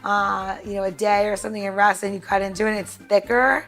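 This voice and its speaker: An American woman presenting cocktail tips walks listeners through a recipe step by step in a casual how-to demo. Her mid-range voice is steady, fast and a bit bright, and she is chatty and instructive, laughing easily, with faint music in the background.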